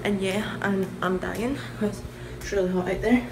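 A woman's voice: mid-range voice, steady tone, normal speed, vocal fry. A young adult woman chatting casually and informally to her vlog viewers, rambling and asking herself questions as she goes. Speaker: vlogger. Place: indoor rooms, echoing. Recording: echoey room with loud background noise.

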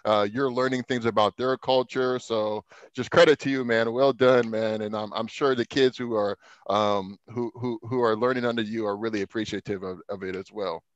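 A man's voice: fairly low pitch, fairly even intonation, moderate pace, no room sound, muffled recording. Enthusiastic, casual male podcast host. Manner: enthusiastic and encouraging, often says "man". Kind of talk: casual interview chat.

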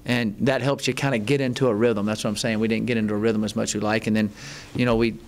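A middle-aged man, a head football coach, answering reporters at a postgame press conference, halting, with many ums and restarts. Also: lowish voice, flat delivery, a little hiss or hum. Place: press conference room, seated at table. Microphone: table mic in front.

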